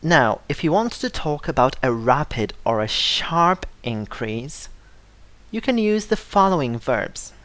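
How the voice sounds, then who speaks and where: Slow, careful English teacher. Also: medium pitch, big pitch swings, fairly bright tone, no echo. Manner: slow, careful delivery, repeating word lists for learners; stresses syllables to model pronunciation. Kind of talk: scripted vocabulary lesson.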